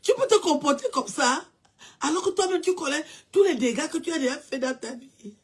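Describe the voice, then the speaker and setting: A woman in a casual mocking rant, mixing teasing questions with drawn-out mock wailing. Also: high voice, expressive. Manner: mocking, with drawn-out mock wailing and repeated sing-song cries. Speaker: commentator.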